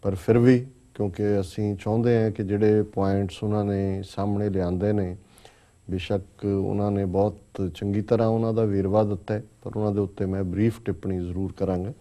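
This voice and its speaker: A man speaks as a talk-show political commentator and explains each point in a deliberate way. His voice is low and very dark, and his delivery stays flat and even.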